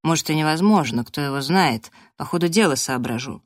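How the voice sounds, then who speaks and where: A woman voicing a sly, scheming male detective boss who talks slowly and coaxingly in an audiobook. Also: low voice, expressive, dry recording, clean studio sound. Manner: slow, drawling, coaxing.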